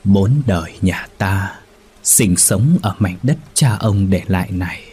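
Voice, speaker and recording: A man voicing the ghost of an old husband, speaking slowly and gravely. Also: low-pitched, a little mellow. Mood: solemn.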